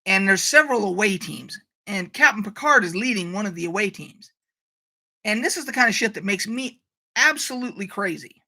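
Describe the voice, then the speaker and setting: A woman's voice: medium pitch, animated, brisk, sharp tone. A woman hosting a casual live stream, ranting animatedly, swearing freely and reading out viewer comments. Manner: reads out viewer chat comments.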